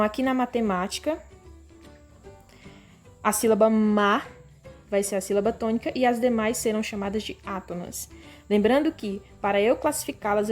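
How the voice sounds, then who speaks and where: A Brazilian woman teacher giving a recorded grade-school language lesson, calling the class "pessoal" and drawing words out slowly so pupils can hear the stressed syllable. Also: medium pitch, a little mellow. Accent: Brazilian Portuguese. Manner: slow, stretched-out word readings for pupils.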